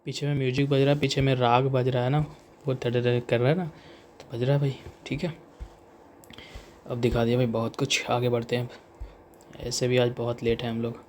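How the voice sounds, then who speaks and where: A young man with an Indian accent giving a casual exam-prep lecture, chatty and repetitive, reading English lines slowly. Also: medium pitch, little pitch movement, darkish tone, slight background noise. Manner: chatty, repeats "theek hai", reads English slowly. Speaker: exam coaching teacher.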